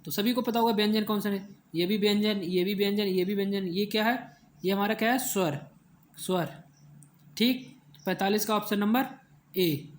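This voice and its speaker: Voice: mid-range voice, normal speed, a little hiss or hum. A teacher running an online exam-prep class, drilling the same points over and over and quizzing the listeners, counting letters and answer options aloud.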